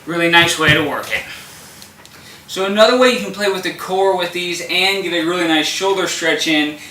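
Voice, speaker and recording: A man teaching exercises with a sharp, bright voice, his words tight with effort as he holds each position. He sounds set back from the mic, and the room around him rings with echo. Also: sits high, normal speed, a little hiss or hum. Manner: instructive, upbeat, strained while exercising. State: effortful, straining. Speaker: fitness instructor. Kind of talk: exercise demonstration. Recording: echoey room from a distance.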